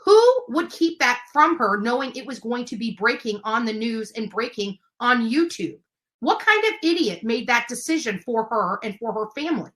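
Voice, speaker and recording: A livestream host delivers an impassioned, indignant rant in a bright, sharp, high-leaning voice. She's very animated at a normal speed, stressing her words hard in a confrontational, emphatic way, and she doesn't shy away from swearing.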